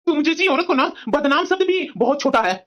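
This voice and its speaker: A woman voicing an angry young husband in a cartoon story, harsh and accusing, talking fast in a high voice. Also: lively intonation, highs cut off. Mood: scornful. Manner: shouting, scornful.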